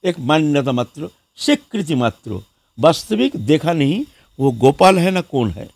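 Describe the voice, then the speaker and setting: A male monk preaching a devotional sermon in a gravelly, somewhat high voice. His pitch swings widely as he tells stories and acts out the people in them. The sound is dry and close. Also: a little slow, dry recording. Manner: lively storyteller who acts out the people in his story; repeats words and fills with "haan".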